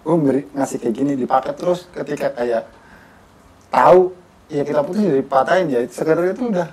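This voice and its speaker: A man's voice: fairly high pitch, brisk, a little mellow. A young man talking in a casual, conversational way. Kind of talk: casual chat. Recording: voice distant from the mic.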